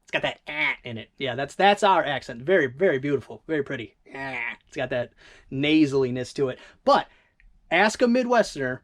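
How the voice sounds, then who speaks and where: With a mid-range, expressive voice and a Northern Michigan accent, a reseller from that region rambles through a casual vlog. They're an eBay reseller who keeps correcting themselves in quick asides.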